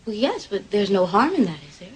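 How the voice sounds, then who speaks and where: A woman's voice: medium pitch, sing-song, brisk, breathy edge, rough recording. An actress playing a worried, devoted woman of the household in a 1980s soap opera, speaking earnestly and solicitously. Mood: worried, caring.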